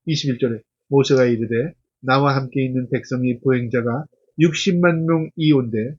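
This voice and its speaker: Husky middle-aged guy preaching in church, explains the verses he reads, muffled low-fi recording. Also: normal speed, a little mellow. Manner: earnest preaching, reads scripture aloud then explains it. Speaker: pastor. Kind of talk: expository sermon.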